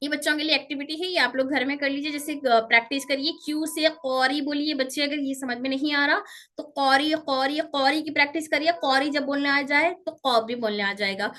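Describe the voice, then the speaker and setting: A woman teaching pronunciation to children, explaining slowly and drilling sounds by repeating them, strict when pupils misbehave. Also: sits high, steady tone, fairly bright tone. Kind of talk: online Quran pronunciation lesson.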